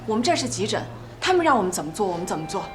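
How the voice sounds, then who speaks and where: A woman's voice: medium pitch, racing, music in the background, close to an everyday voice. An actress playing a head nurse who firmly tells a patient to take his complaint elsewhere. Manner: calm, firm.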